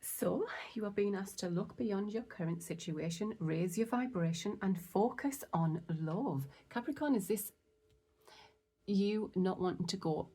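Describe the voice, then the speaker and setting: A woman giving a casual tarot reading, chatty and excitable, often dropping into soft whispers. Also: mid-range voice, a little slow, slightly rough. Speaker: tarot reader.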